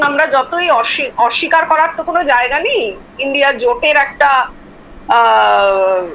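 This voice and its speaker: A woman speaking as a party spokesperson on a panel debate, her remote line carrying an echo, talking haltingly with drawn-out fillers. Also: high-pitched, a bit bright, lo-fi sound. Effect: echo on her remote audio line. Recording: echoey remote line, faint hiss.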